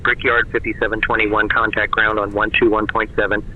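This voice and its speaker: A man working as an air traffic controller, reading out clearances in clipped radio phraseology, heard as a muffled radio transmission over a cockpit headset. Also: fairly low pitch. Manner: flat, rapid-fire, businesslike. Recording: muffled radio audio with faint engine hum.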